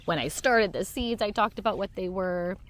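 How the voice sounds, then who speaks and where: A woman's voice: medium pitch, normal speed. Bubbly woman touring her garden. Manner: chatty, bubbly, laughs at her own slips. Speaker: garden vlogger giving a tour. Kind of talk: casual walk-and-talk garden tour. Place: outdoor vegetable garden.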